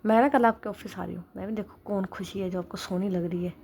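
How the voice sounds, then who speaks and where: A woman's voice: mid-range voice, fairly even intonation, fast talker, darkish tone, a little hiss or hum, natural voice. A woman voicing a jealous, fiery young wife who talks in a raised, indignant voice.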